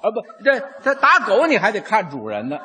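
High bright-voiced man doing crosstalk. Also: wildly swooping pitch. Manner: brash, boastful, quick comebacks. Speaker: crosstalk comedian. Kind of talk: Chinese crosstalk performance. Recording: live stage audio with long hall reverb.

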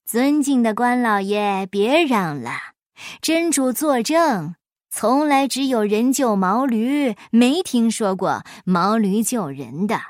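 A woman voicing a clever, humble male folk trickster in a storybook reading, unhurried and politely mocking. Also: fairly high pitch, animated, dry recording, clean studio sound. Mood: sly.

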